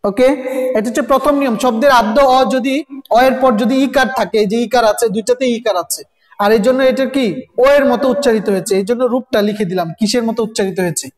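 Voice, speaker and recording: A teacher leads a recorded grammar lesson, firing rhetorical questions at the students and repeating sounds one by one. The voice sits in the middle of the pitch range. The room is echoey, with a long reverb trailing each phrase. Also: quick pace.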